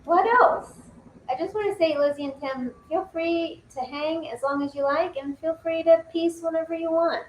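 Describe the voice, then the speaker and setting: A woman's voice: very high-pitched, fairly even intonation, moderate pace. A woman hosting a stream with casual, conversational talk. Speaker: stream host. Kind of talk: casual chat. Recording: roomy, with light background noise.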